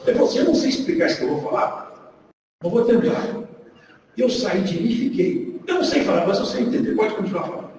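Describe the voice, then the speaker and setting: A preacher with a Minas Gerais Brazilian accent delivers a sermon in a strikingly high voice that swoops and climbs. He tells a story with acted dialogue and shouts at its peaks. He is heard from far off in a big church hall with long reverb and clear background noise. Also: big pitch swings, quick pace. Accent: Brazilian Portuguese, Minas Gerais.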